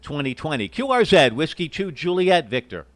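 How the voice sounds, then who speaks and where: A man's voice: fairly high pitch, big pitch swings, normal speed, no echo. A courteous, hesitant man operating an amateur radio station, spelling out call signs in phonetics.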